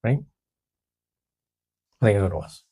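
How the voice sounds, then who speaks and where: A man's voice: lowish voice, expressive, moderate pace, mellow, husky, no room sound, clean studio sound. Playful man co-hosting a podcast. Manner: explains the topic with laughter and playful jokes. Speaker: podcast co-host. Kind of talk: casual podcast chat.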